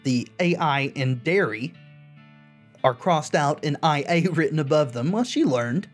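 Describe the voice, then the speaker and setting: A woman's voice: low-pitched, lively intonation, unhurried, soft background music. A woman playing a video game, reading its text aloud and adding casual commentary of her own. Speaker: video game player and narrator.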